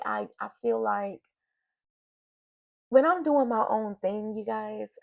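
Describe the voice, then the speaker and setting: A middle-aged woman speaks to her viewers from her home office in a heartfelt confessional vlog. Her voice carries a gravelly fry, and she sighs often as her emotions rise. The sound is dry and close, picked up by a computer mic. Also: mid-range voice, a little mellow, no echo, highs cut off. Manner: emotional, sighing, talking straight to viewers. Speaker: vlogger.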